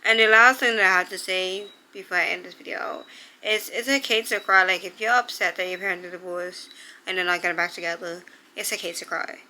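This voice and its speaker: A woman's voice: on the low side, steady tone, a little fast, pushed and bright, slight background noise, rough recording. A young woman vlogger sitting down to give heartfelt advice, earnest and emotional, close to tears. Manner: earnest, heartfelt, full of "like" fillers. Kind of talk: sit-down advice vlog.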